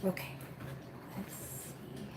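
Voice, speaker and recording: A soft-spoken woman talks slowly through a casual unboxing vlog at home. She rambles and leans on fillers. A steady hum of room noise sits behind her voice. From Cuba. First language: Spanish. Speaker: coloring book creator and channel host.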